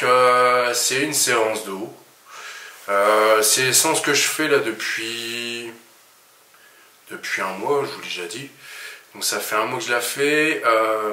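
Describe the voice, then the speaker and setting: Bright-voiced Ch'ti man in an echoey gym. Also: medium pitch. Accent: Northern French (Ch'ti). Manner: chatty, joking asides. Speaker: fitness coach. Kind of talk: casual workout vlog. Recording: echoey room, mic at a distance.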